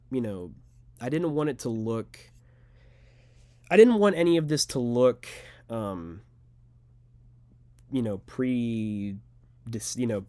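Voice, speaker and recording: A man's voice: on the low side, mellow, no echo. A young man, an amateur fighter, talking straight to camera in an unedited, rambling monologue full of filler words. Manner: rambling, earnest, filler-heavy.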